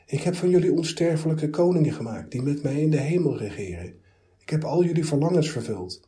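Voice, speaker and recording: A man's voice: medium pitch, normal speed, dark tone, natural voice. A man voicing God as a humbled, cast-out figure who protests and pleads. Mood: indignant. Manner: protesting, then pleading and self-pitying.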